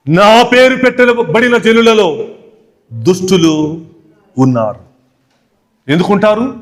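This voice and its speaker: Pastor, male, high voice, emphatic sermon delivery with repeated phrases and pointed questions. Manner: emphatic, repetitive preaching with rhetorical questions. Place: church watch night service.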